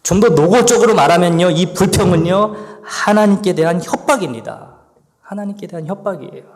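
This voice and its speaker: High-voiced pastor preaching in a reverberant hall. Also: male voice, animated, fairly quick. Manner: acts out the psalmist's complaints in a pleading voice. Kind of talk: sermon. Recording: long church reverb.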